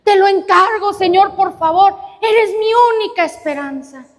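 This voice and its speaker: A frail old grandmother begs for help in a very high, thin voice, as a woman preacher puts her on. Her pleading is insistent, and her voice rings through a hall with a long echo. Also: moderate pace. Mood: explaining. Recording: reverberant hall.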